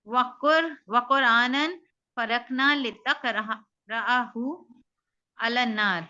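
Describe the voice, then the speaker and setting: Female student reader, steady delivery, higher pitch, muffled lo-fi sound. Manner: steady reading, short replies to teacher. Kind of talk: reading a lesson aloud and answering.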